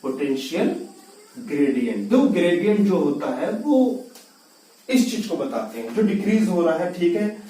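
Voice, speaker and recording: A man's voice: high-pitched, big pitch swings, a little slow, dark tone. A man teaching physics in a classroom-style lecture, asking questions and answering them himself, repeating key terms. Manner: repeats key terms, mixes English into speech. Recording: echoey room, voice from far off.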